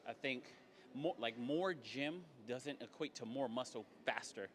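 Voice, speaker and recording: A man coaching in a gym, explaining training in a relaxed way and often checking in with "right?". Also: medium pitch, unhurried, slight background noise. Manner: explanatory, keeps tagging "right?". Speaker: personal trainer. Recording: faint background music.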